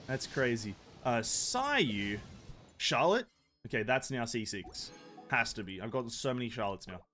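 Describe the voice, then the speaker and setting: A young man casually commenting on his own game pulls, mostly dry and muttering, at times breaking into loud excitement. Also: medium pitch, measured pace, faint music behind. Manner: deadpan and muttering, bursting into shouting excitement. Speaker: game streamer. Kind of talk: casual live-stream commentary.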